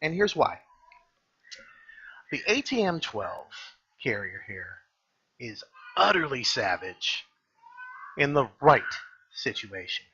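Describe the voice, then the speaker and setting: A man hosts a casual gaming review with a rough, husky edge to his forceful voice. He rambles and halts, correcting himself as he goes and dropping blunt slang. The microphone sound is slightly dull and lo-fi. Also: mid-range voice, big pitch swings, slow, long pauses. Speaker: gaming video host. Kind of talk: casual off-the-cuff game commentary and review.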